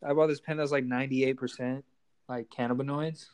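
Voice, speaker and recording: A man's voice: mid-range voice, level tone, a little fast, darkish tone, clean tone. A young man chatting casually and telling stories like a hyped frat bro, full of slang and swearing.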